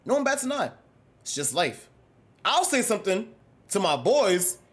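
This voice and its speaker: A young man livestreaming, chatting casually with his viewers in a slangy, rambling, animated way. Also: sits high, moderate pace. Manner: animated, rambling, slangy, swings between loud and mumbled. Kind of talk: casual chat with live chat.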